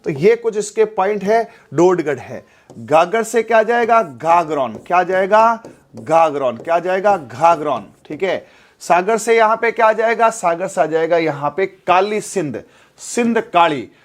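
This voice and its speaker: A man teaching an exam-prep class, lively and playful, acting out little dialogues and sound effects to make points stick. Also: sits high, unhurried. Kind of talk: animated classroom lecture with mnemonic stories.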